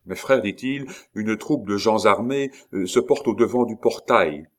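A man's voice: lowish voice, measured pace, close to an everyday voice. A man voicing a stout nobleman who speaks with firm resolve. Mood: urgent.

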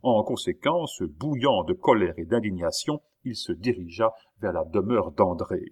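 A man narrating a classic novel aloud in a measured way, with the odd hesitation. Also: deep voice, animated, husky. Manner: measured reading with occasional hesitations. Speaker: audiobook narrator. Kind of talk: literary audiobook narration.

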